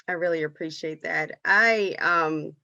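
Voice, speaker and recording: A woman's voice: low voice, measured pace, gravelly, pushed and bright, dry recording, dull audio. A woman clinician speaking on a video-call panel, candid and openly emotional. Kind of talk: panel discussion.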